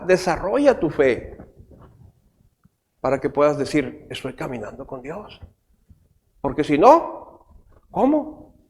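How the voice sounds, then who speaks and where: Animated pastor, high voice. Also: male voice. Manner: animated preaching, with frequent rhetorical questions. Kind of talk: sermon.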